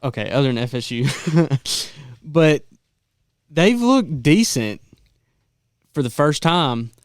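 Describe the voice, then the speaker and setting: A man's voice: a little high, animated, takes it slowly, clear, resonant tone, no echo, clean studio sound. A man on a sports talk panel making his pick in a casual, plain-spoken way.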